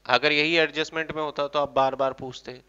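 A male commerce teacher giving a classroom lecture, coaxing and teasing his students with quick questions. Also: on the high side, fairly even intonation, sharp tone, clear, resonant tone. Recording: dull lo-fi recording.

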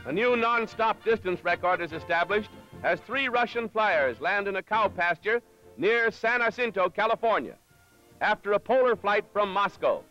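A man narrates an old 1930s newsreel in a formal announcer's manner, his voice sitting high. The sound is dull and lo-fi, as old film audio is. Loud music plays under him the whole way. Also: lively intonation, moderate pace. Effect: old 1937 newsreel soundtrack played from archive.

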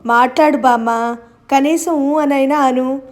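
A woman's voice: sits high, fairly even intonation, a little slow. A woman reading a novel aloud and voicing its young heroine, who calls out and pleads in fear. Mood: anxious. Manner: calling out, pleading.

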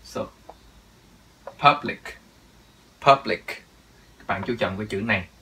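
A man's voice: lowish voice, takes it slowly, pushed and bright, slightly rough. A man teaching English pronunciation in Vietnamese, repeating each word with emphasis. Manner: drills words, repeats them with emphasis. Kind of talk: pronunciation lesson.

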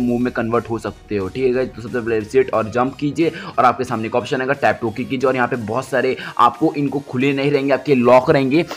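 A man doing a casual gameplay tutorial voice-over, chatty and thinking aloud as he picks options, recorded at home after the gameplay. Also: mid-range voice. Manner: chatty, keeps saying "guys", thinks aloud while picking options. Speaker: gaming channel host.

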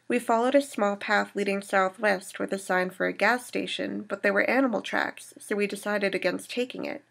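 A woman reading aloud as a shaken young woman survivor recounting an attack, in a steady storytelling manner. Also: medium pitch, normal speed, gravelly. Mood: grieving.

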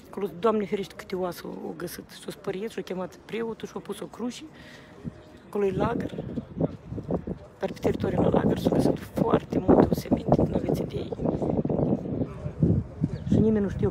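A woman speaking passionately to a reporter outdoors at a rally, repeatedly appealing to the people around her. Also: medium pitch. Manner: agitated, repeats appeals to the crowd. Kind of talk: impassioned street interview. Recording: outdoor street recording with crowd noise. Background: crowd.

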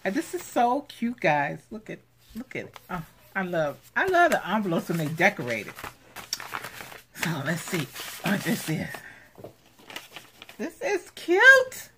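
There's background noise as a woman with a low-leaning voice, at normal speed, unboxes craft supplies at home for her channel. Captured on a handheld camera, she gushes excitedly over each item and keeps repeating exclamations.

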